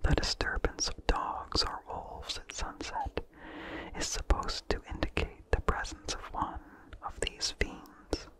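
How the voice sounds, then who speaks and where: Whispering breathily without voicing, ASMR style, this narrator reads old-fashioned horror fiction with slow, measured phrasing. The audio quality is poor.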